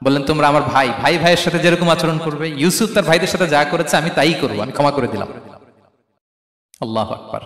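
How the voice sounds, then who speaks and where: A man's voice: a little high, fast, fairly bright tone. A man preaching a sermon with passion, calling out questions to his listeners. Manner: impassioned, calls out questions to the crowd. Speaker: Islamic preacher. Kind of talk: Bengali waz sermon. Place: large stage event hall. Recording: echoey hall with long reverb.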